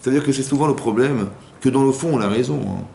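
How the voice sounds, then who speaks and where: A man's voice: mid-range voice, fast, gravelly, warm tone. Guy rabbi lecturing a women's class, chatty, keeps repeating himself, roomy echo and a faint hum. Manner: conversational, many repetitions and restarts, acts out quoted spouses. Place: community hall class. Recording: echoey room with faint hum.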